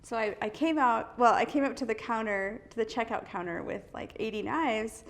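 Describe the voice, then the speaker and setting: A woman's voice: fairly high pitch, moderate pace. A woman artist from the US East Coast in a casual interview, talking thoughtfully with many fillers, restarts and light laughs. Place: indoor art studio.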